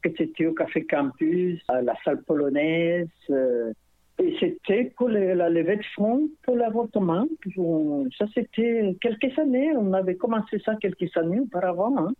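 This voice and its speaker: A woman's voice: medium pitch, expressive, normal speed, no room sound. A middle-aged woman with a foreign accent speaks as a radio guest, wandering through her memories with frequent hesitations. Her voice comes through a tinny, narrow phone line with a dry, close sound. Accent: foreign accent in French. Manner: rambling, hesitant, many fillers. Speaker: guest singer-songwriter. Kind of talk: casual radio interview.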